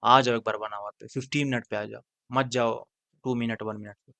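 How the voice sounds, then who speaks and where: Male trading teacher, blunt and slangy, middle-pitched voice, dry recording, loud urging then quiet muttering. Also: steady tone, fairly quick, creaky, dry recording. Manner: blunt, slangy, repeats phrases, drops into mixed English. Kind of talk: casual screen-share trading lesson.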